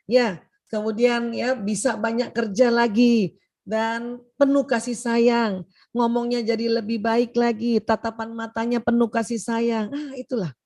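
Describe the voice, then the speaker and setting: Middle-aged lady giving a chatty health talk to moms, highish voice, keeps saying ya and bu. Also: a little mellow. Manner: chatty, addresses the audience as "Bu", often adds "ya". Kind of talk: informal talk.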